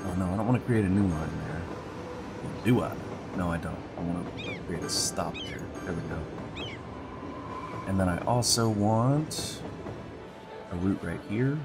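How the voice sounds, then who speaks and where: A let's play host with a very low, stuffy, congested voice gives casual gameplay commentary, relaxed and thinking aloud, often repeating single words as he clicks. He's unhurried and leaves long pauses, with clear background music playing under him throughout.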